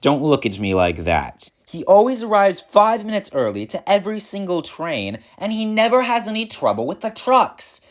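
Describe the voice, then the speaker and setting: A vain, jealous steam engine, as a man voices him grumbles with slow, sarcastic exasperation. His pitch swings widely as he rants in this fan audio drama.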